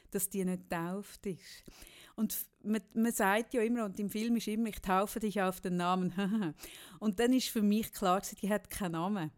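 Laughing, teasing Swiss German woman. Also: medium pitch. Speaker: podcast co-host. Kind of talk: casual chat.

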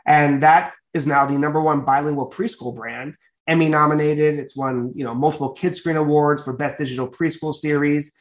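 Earnest middle-aged man, slightly high voice. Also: steady tone, normal speed. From United States, Dominican family. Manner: earnest, fluent, many "you know" fillers. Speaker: guest, media company executive. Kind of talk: conversational interview answers.

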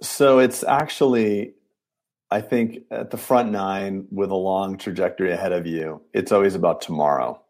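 A man in his late forties, a dentist guest talking in an animated, emphatic way on a podcast. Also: low-pitched, normal speed. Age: 40s. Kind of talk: casual podcast conversation.

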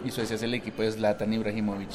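A man's voice: fairly low pitch, level tone, very fast, noisy background. A man, co-hosting a podcast in a joking, slangy way. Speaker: podcast co-host. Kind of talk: casual podcast chat.

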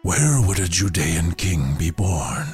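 A man putting on a raspy old noble sage. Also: low-pitched, big pitch swings, slow, darkish tone, voice pushed down, exaggerated voice. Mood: inquiring. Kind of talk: storybook narration. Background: faint music.

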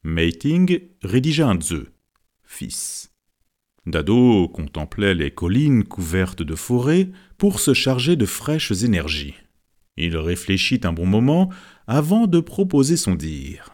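A man's voice: fairly low pitch, big pitch swings, takes it slowly, darkish tone. A man narrating a novel chapter as an audiobook, reading expressively. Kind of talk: scripted narration.

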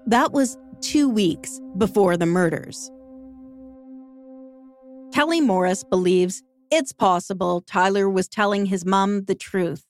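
A woman reads a scripted true-crime podcast narration in a measured, steady, medium-pitched voice. Clear music plays beneath her.

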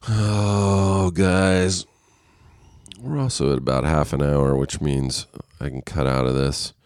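A very deep, steady, slightly mellow voice moves at a slow pace, recorded with clean studio sound and no room noise. The man hosts a casual solo podcast while waiting alone on a set. Congested and nasal, he rambles, swears freely, and laughs often at himself.

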